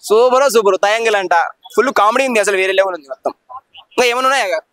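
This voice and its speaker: A man giving a rambling, animated street opinion on a reality show. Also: sits high, dry recording. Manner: rambling, talks fast, jumps between topics. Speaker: street interviewee.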